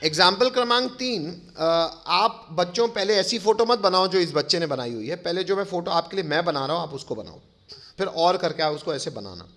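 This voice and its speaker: A man's voice: sits high, animated, brisk, pushed and bright. A man teaching a chemistry lecture, explaining step by step, calling his pupils kids and often checking whether they follow. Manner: addresses pupils affectionately as kids.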